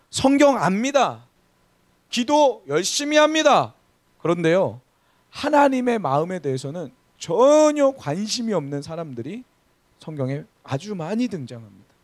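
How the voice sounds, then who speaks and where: A man's voice: a little high, darkish tone, no echo. A man in his thirties preaching a sermon as pastor in a church service, telling funny stories and asking the congregation questions. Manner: engaging, asks the congregation questions, humorous storytelling.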